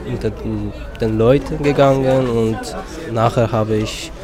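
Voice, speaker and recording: Slow Afghan man, street noise behind. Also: mid-range voice, steady tone, a crowd in the background. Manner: searching for words, small grammar slips. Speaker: apprentice. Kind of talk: interview statement.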